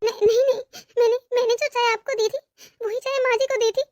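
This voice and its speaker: A woman's voice: very high-pitched, steady tone, a little fast, a little mellow, dry recording, studio quality. A woman voicing a meek young daughter-in-law in a cartoon story, pleading and defending herself. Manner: pleading, timid.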